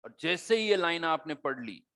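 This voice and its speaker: A man's voice: a little high, big pitch swings, normal speed, fairly bright tone. A man teaching a chemistry class, explaining concepts conversationally and asking his students rhetorical questions as he goes. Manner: conversational teaching, mixing Hindi with English terms, rhetorical questions. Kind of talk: classroom lecture.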